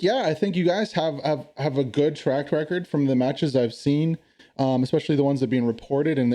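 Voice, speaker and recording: A man's voice: mid-range voice, dark tone. A man hosting a casual interview with esports team commanders, friendly and talkative with many fillers.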